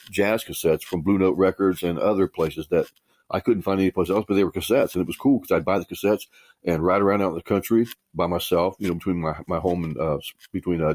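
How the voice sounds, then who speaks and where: A man in his sixties from Ohio leaves a voicemail, recounting his own story in a rambling, casual way and often restarting mid-sentence. His voice sits low and a little mellow, with no room sound.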